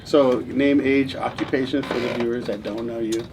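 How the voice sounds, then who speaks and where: A man's voice: medium pitch, steady tone, moderate pace, distant mic, a loud crowd. A man hosting a casual podcast who asks blunt, pushy questions. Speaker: podcast host.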